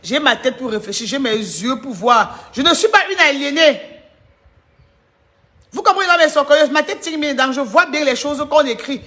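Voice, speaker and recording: Woman, live-stream gossip, mocking, chatty, bright tense tone. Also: high voice, lively intonation, moderate pace. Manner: teasing, laughing often, chatty asides to viewers.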